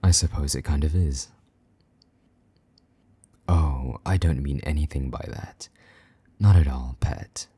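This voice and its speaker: A male voice actor gives a slow murmur as a jealous vampire knight in intimate audio roleplay, his very deep, dark voice husky and slightly gravelly. He sinks into soft whispers to tease and comfort, low and gruff, tender in mood. It's heavily acted and has no echo.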